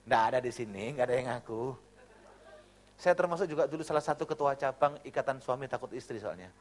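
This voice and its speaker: A man's voice: medium pitch, quick pace, a little hiss or hum. A middle-aged man from Java, a pastor preaching a sermon with jokes and acted-out voices. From Java, Indonesia. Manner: lively, joking storyteller, acts out voices.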